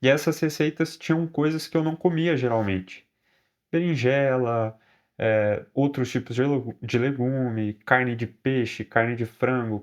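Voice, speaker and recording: Chatty Brazilian man telling a story. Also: mid-range voice. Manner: chatty, frequent tag questions and restarts. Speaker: vlogger. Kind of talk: casual personal storytelling.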